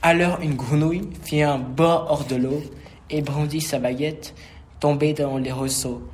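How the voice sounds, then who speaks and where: A man reading a rhymed children's storybook aloud, slow and expressive. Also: a little high, slight background noise.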